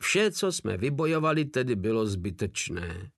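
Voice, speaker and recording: Casting: male audiobook narrator, steady storytelling, dry close sound. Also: lowish voice, gravelly, no room sound.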